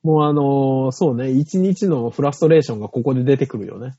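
A man hosting a podcast over a remote call mic, trading wry, quick comebacks in a husky voice. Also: mid-range voice, noisy background. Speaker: podcast host. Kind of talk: casual banter. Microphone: remote call mic with weak signal. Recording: muffled, faint online call audio.

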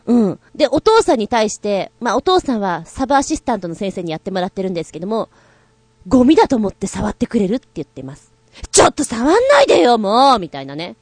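A woman's voice: mid-range voice, fast, no echo. Female co-host with a bouncy, playful delivery and a dry, close sound. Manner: animated, playful storytelling with giggles; acts out quoted lines in exaggerated voices. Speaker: radio show co-host. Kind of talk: casual chat.

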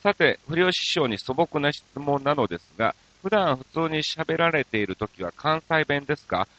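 A man's voice: fairly high pitch, animated, moderate pace, sharp tone, no echo, rough recording. A man hosting a radio show, chatting casually and joking at his own expense, mixing Kansai dialect with standard Tokyo speech. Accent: Kansai mixed with standard Tokyo speech. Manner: playful, self-mocking comic banter. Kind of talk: casual radio talk reading listener mail.

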